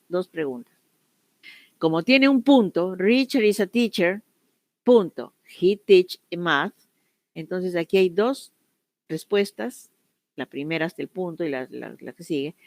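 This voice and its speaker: A woman's voice: fairly low pitch, no echo. Woman teaching an online English class. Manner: explains step by step, switching between Spanish and English examples.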